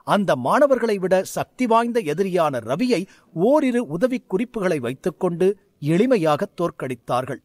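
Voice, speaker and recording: A male storyteller reads a serialized fantasy tale with a high, lively, animated voice. The sound is dry and close to the mic, with no room around it. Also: unhurried, dry recording. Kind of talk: scripted story narration.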